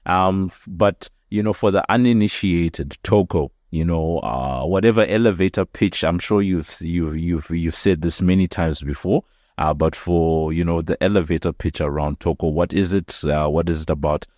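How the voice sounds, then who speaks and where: A man's voice: low-pitched, normal speed, darkish tone, no echo, studio quality. A man hosting a business interview podcast, talking with many fillers and restarts. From South Africa. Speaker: podcast host.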